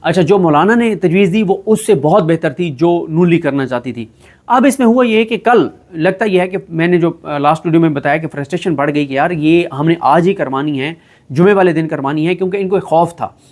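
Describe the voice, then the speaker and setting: Man, solo political commentary, emphatic, filler pauses, higher pitch. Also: a little mellow. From Pakistan.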